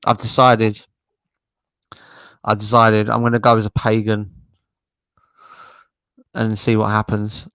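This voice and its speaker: A man's voice: fairly low pitch, monotone, slow pace, pauses often, a bit bright, smooth, no echo. A man hosting a casual podcast chat, laughing often as he rambles. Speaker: podcast host.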